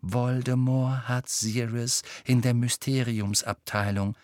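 A man's voice: mid-range voice, level tone, slow, darkish tone, no room sound, clean studio sound, close to an everyday voice. A man voicing a teenage boy who speaks in urgent, desperate outbursts.

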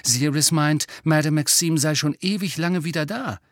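A man voicing a curious teenage boy wizard in an audiobook, asking briskly. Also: fairly high pitch, no room sound, clean studio sound, voice pushed up, natural voice. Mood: pressing. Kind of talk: audiobook character voice.

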